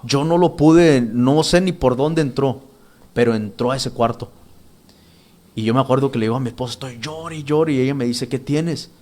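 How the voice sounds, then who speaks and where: Casting: male church minister, mid pitch, earnest, stop-start testimony delivery. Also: fairly even intonation, a little mellow. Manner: earnest, halting, with many restarts and repeated words. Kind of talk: spoken testimony.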